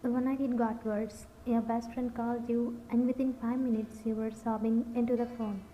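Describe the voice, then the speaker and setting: A woman reads a scripted second-person story in a soft, even voice. Her tone is deeply mellow and sits a bit high. The recording is dull and lo-fi, with faint music underneath. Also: normal speed. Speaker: narrator.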